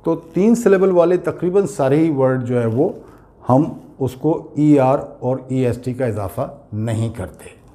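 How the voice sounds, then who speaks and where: A man with an Urdu accent gives an English grammar lesson in an unhurried, measured way. His voice is mellow and dark. He patiently spells words out letter by letter. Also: medium pitch.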